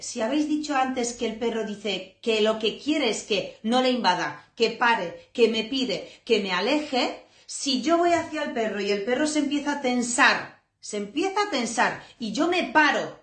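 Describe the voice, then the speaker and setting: A woman teaching a dog training class, animated and blunt, swearing freely and acting out scenes as she explains. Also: a little high, a little slow. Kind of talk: lively spoken lesson.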